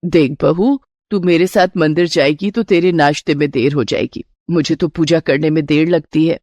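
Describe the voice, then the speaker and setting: Woman playing a middle-aged mother-in-law, lower voice, calm and motherly, dry close sound. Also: moderate pace, no echo. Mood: reassuring. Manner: calm, motherly, matter-of-fact. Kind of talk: storybook character voice.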